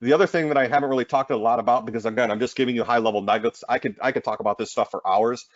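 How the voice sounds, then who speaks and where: A man presenting a marketing webinar in an energetic sales pitch, often tossing in "right?". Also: very fast, no echo, lo-fi sound.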